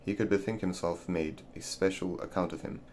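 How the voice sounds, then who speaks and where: A man's voice: low-pitched, fairly even intonation, fairly quick, a little mellow, a little hiss or hum. A man reading an old essay aloud, often stumbling and repeating words as he goes. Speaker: reader of a classic essay.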